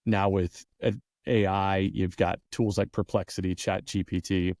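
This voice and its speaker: A male host leads a business podcast interview with a lowish voice and steady, encouraging remarks. The sound is dry and close to the mic. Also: measured pace, dry recording. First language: English. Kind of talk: interview conversation.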